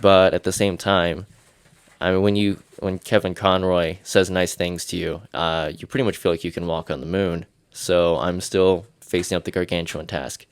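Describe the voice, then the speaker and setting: An Irish podcast host rambles through a solo episode, congested from his sinuses and making jokes at his own expense. His voice sits low and smooth, with no echo.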